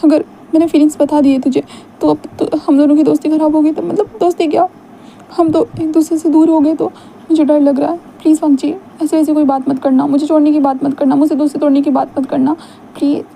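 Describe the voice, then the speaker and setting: A nervous young man stammers and pleads in a high, dark, mellow voice, as a woman reading a story puts him on. his words come half-whispered and hesitant. faint noise sits under the voice. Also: flat delivery, fast, vocal fry. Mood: pleading. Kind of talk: casual retold story.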